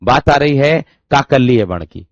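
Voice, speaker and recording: A man's mid-range voice moves at a moderate pace with lively intonation as he teaches Hindi grammar online. Students are his dear friends, his phrases come twice, and he repeats syllables aloud to show sounds. There's no room sound, and the audio is dull, dry and lo-fi.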